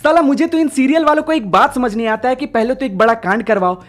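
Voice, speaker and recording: A woman's voice: sits high, quick pace, soft background music. A woman hosting a scripted comic roast, speaking with crude, slangy, exasperated sarcasm. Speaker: roast video host.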